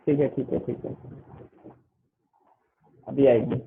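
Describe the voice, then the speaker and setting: Tinny-sounding tutor, rambling online class. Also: male voice, medium pitch, fairly even intonation, slow pace, creaky, slight background noise. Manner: repeats "ठीक है" constantly, loose and rambling. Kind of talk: casual online class talk. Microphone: online class call. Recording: tinny phone-line audio.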